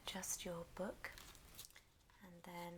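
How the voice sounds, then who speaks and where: Hosting an ASMR craft channel, a woman whispers softly and breathily through a tutorial, moving very slowly and gently step by step at a slightly low pitch and level tone. She is indoors at a friend's house, and the recording has clear background noise with small clicks.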